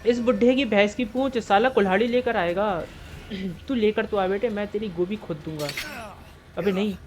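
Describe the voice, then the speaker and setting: A young man giving live gameplay commentary for his gaming channel. He jokes and swears constantly and yells in panic during fights. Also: high voice, moderate pace, noisy background. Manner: excitable, swears constantly, jokey banter.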